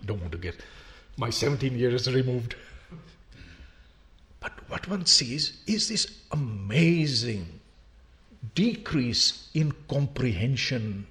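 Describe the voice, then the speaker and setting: An older university professor from Pakistan, long in the role, gives a public lecture packed with rhetorical questions. His medium-pitched, slightly bright voice is very animated and emphatic, moving slowly with frequent pauses.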